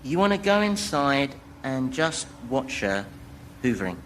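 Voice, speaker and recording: An actor playing Satan as a sardonic, teasing, worldly devil with a chummy manner in a radio comedy drama. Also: male voice, medium pitch, very animated, a little slow, fairly bright tone, slight background noise. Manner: mocking, chummy, conversational.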